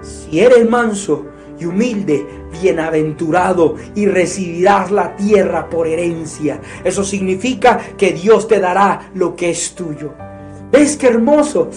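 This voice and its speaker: Earnest preacher giving a sermon, emphatic, asks the crowd questions, soft music under it. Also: medium pitch, slow pace.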